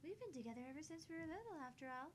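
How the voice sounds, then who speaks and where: A woman voicing a sweet, simple, childlike girl in a visual novel, speaking in a soft, cutesy, gentle manner. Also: high-pitched, expressive, rapid-fire, slight background noise, pitched above the performer's own voice.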